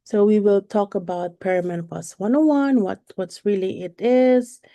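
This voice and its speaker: A woman, a perimenopause coach giving a live online presentation in a halting way, with frequent fillers and self-corrections. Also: mid-range voice, mellow, dry recording. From Philippines. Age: 40s.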